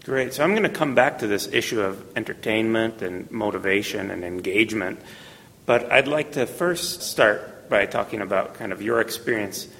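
A man hosting a podcast interview, friendly and quick to laugh. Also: on the low side, gravelly, fairly bright tone, in a large hall. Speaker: podcast host.

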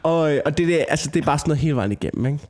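A man in a relaxed podcast conversation, slightly high-voiced. He tells meandering anecdotes, tacks "right?" onto nearly every phrase, and laughs and gets louder as he warms up. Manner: rambling storyteller, lots of "ikke?" tags; laughs often, gets loud and excited. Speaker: podcast co-host. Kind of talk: casual chat.

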